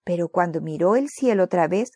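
A woman's voice: fairly low pitch, expressive, brisk, a little mellow, no echo. Woman reading a children's story, dry sound. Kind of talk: children's story read aloud.

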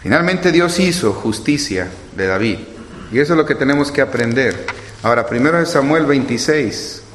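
A man's voice: medium pitch, lively intonation, normal speed, fairly bright tone, slight background noise. A man preaching a sermon, retelling scripture and acting out the quotes with drama. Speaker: pastor. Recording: echoey hall with long reverb.

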